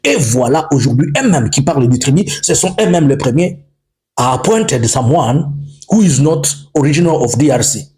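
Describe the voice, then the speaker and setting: Impassioned man, lively pitch. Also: normal speed. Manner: emphatic, repetitive, switches between French and English. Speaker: preacher. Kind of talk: impassioned political monologue.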